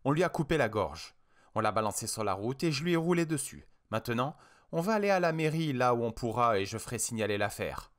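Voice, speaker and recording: A blunt, stubborn husband, read by a male narrator in his own middle-pitched voice, with lively intonation. He talks plainly and firmly, an audiobook character. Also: fairly quick, lightly acted. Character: stubborn, tense husband, a driver.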